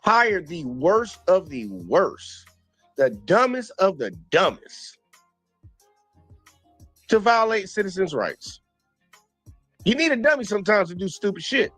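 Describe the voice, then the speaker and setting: A man streaming his reaction to a police video, talking in blunt, animated casual commentary and repeating points for emphasis. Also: high-pitched, takes it slowly, long pauses, dry recording, faint music behind.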